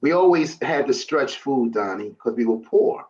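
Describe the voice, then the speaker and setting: A man's voice: mid-range voice, animated, normal speed, darkish tone, dull audio. A man from Brooklyn, a guest in a casual chat, talking and telling stories in a plain, colloquial way. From Brooklyn, New York.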